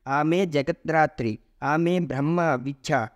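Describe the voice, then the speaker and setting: A man voicing an old male creator god who calmly consoles and instructs the other gods in a mythological story reading. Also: a little high, takes it slowly. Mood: consoling. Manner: consoling, authoritative.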